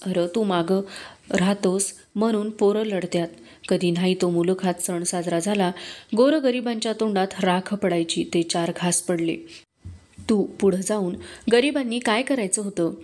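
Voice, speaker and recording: A woman's voice: medium pitch, unhurried, a little mellow, natural voice. A woman reading the lines of an elderly, humble village farmer in an audiobook of a historical novel, with rustic, earnest speech. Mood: pleading. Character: elderly male village farmer, humble, grieving, proud of his son.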